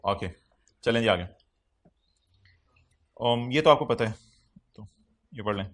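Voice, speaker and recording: A man's voice: medium pitch, slow, a bit bright. A man with a Pakistani Urdu accent giving a tax lecture to a class, teasing students, quizzing them and mixing English phrases into his Urdu.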